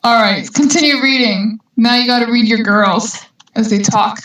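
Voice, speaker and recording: A woman co-hosting a casual fan chat, playful, with quick reactions. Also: on the high side, fairly even intonation, a bit bright. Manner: playful, quick reactions, reads comments aloud. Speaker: fan discussion co-host. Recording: very echoey room, far from mic.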